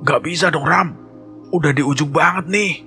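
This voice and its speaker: A man's voice: normal speed, sharp tone. A man voicing a frightened young male hiker who whines and stammers, with music playing behind. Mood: pleading. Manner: stammering, high-pitched whining.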